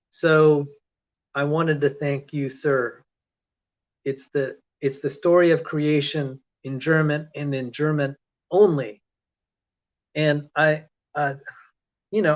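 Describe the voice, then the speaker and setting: A man from the Philippines with an American accent, talking casually and rambling as an online lecturer on a livestream. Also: a little high. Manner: rambling, self-correcting, chatty. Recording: dull lo-fi stream audio.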